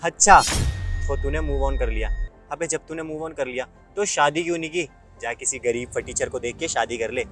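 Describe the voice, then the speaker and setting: A man's voice: mid-range voice, moderate pace, fairly bright tone, soft background music, lightly acted. A young man playing an arrogant, boastful rich man who insults his ex-girlfriend in a web skit. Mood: taunting. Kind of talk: Hindi web skit acting.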